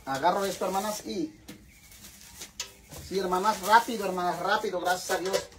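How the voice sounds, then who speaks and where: A man's voice: high-pitched, fairly even intonation, normal speed, background noise. A man with a Mexican accent talking in a casual cooking vlog. He is dramatic and chatty, swears freely, and keeps calling his viewers sisters. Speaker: vlogger.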